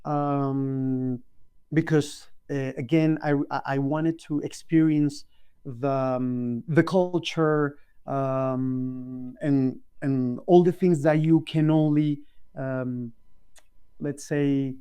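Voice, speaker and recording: Slow, mellow-voiced man. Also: medium pitch, steady tone, clean tone. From Colombia. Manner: slow, thoughtful, many hesitant ums. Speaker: guest. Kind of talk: casual interview chat. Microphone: video call.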